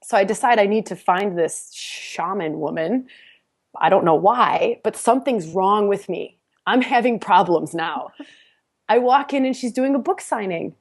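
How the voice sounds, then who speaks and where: A woman guest on a podcast, telling a personal story in a casual, animated way, often laughing and restarting her sentences. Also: medium pitch, unhurried.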